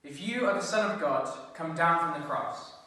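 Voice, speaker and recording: Man playing a jeering male onlooker in a gospel drama: bright, forceful voice, raised pitch, derisive declaiming. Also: lively intonation, moderate pace. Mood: mocking. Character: scornful male passer-by taunting the crucified. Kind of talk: dramatised gospel reading by church member. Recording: very echoey room, far from mic.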